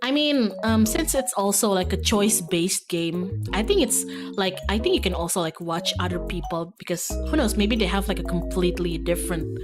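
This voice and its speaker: Over background music, a woman streamer with a medium-pitched voice chats casually with her viewers at a moderate pace. She sounds playful, giggly and rambling.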